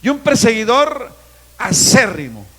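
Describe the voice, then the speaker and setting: A man in his fifties from Guatemala, a pastor preaching a sermon with emphatic, drawn-out phrases in a church. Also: very high-pitched, big pitch swings, sharp tone. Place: church sanctuary. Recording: long reverb of a church hall.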